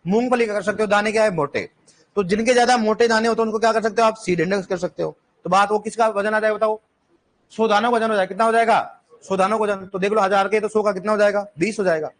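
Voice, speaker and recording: High-voiced man quizzing a class. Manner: quizzing students with repeated questions, teasing. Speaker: agriculture teacher. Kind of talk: classroom lecture.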